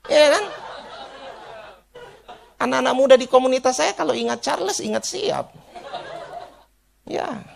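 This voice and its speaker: A man from Indonesia preaching a sermon, an animated storyteller who imitates people and laughs along. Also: very high-pitched, measured pace, gravelly, pauses often, some chatter behind. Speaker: pastor.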